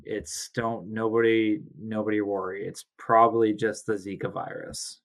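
A Canadian podcast host with a sore throat chats casually from home, recording remotely over a video call on a home mic. His voice is fairly low and creaky, with fairly even intonation and a moderate pace, and he rambles, corrects himself and cracks jokes.

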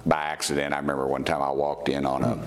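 A man's voice: rumbling low, level tone, quick pace. A middle-aged man, interviewing in a casual, folksy, informal way. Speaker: interviewer, host.

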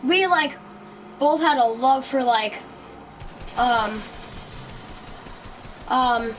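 A woman's voice: high voice, very slow, a little hiss or hum, poor audio. A woman hosting a casual podcast chat, rambling through her story with lots of ums and likes. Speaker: podcast host.

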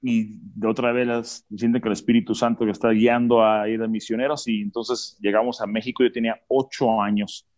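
A man's voice: on the low side, level tone, fairly quick, hardly any pauses, a little mellow, muffled recording. A man from the United States, a guest telling his life story and laughing easily at jokes. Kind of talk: casual interview chat.

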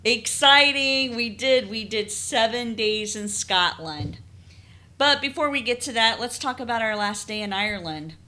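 A woman's voice: a little high, animated, moderate pace, bright, forceful tone. A woman co-hosting a casual travel podcast, leading the chat and retelling the day from her notes. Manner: chatty, leads the story from her notes. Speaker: podcast co-host.

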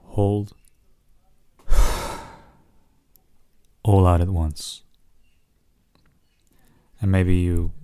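A man narrating a soothing guided relaxation like a sleep story, speaking gently in short phrases with long pauses. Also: deep voice, dry recording.

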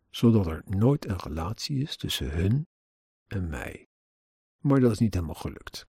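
A man's voice: on the low side, vocal fry, mellow, slightly rough, no echo, studio quality. A man earnestly narrating his own experiences in a personal account, with an indignant edge.

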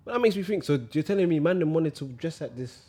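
A man's voice: on the high side, animated, fast talker, mellow, breathy edge. A young man with a London accent, talking casually in roadman slang. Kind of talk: casual chat.

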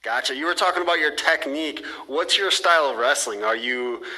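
A man's voice: fairly high pitch, fairly quick, bright, forceful tone, breathy edge, low-quality recording. A man hosting a sports podcast interview in an upbeat, casual way. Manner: upbeat, repeats "awesome" and "perfect". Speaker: podcast host.

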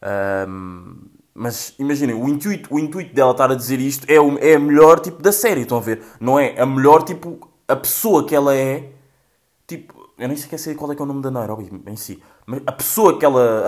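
Young European Portuguese male host, casual and profane, middle-pitched, mocking rambling commentary. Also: lively intonation, quick pace. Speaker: host reacting to social media clips.

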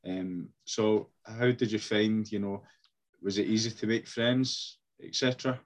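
A man's voice: on the low side, fairly even intonation, unhurried. A man hosting an interview, asking casual questions and giving short encouraging replies. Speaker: interview host.

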